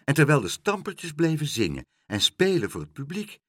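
Husky Dutch storybook reader, very animated. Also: male voice, on the high side, moderate pace, dry recording, clean studio sound. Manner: animated, lots of character voices. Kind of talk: reading a children's book aloud.

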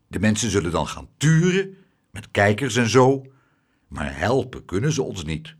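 A man reading a storybook, voicing a gloomy, easily panicked middle-aged gentleman who muses slowly and ominously. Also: fairly low pitch, sing-song. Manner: slow, drawn-out doom-laden musings.

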